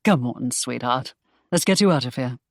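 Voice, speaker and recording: Woman doing a low-voiced teasing nobleman lover. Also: expressive, normal speed, no room sound, clean studio sound, full character voice. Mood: tender. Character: gruff, protective young nobleman suitor.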